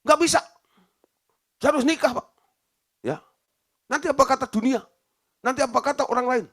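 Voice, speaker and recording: A man voicing an anxious, stubborn unmarried woman in her late thirties, pleading in a high, raised voice. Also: lively intonation, fast talker. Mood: indignant.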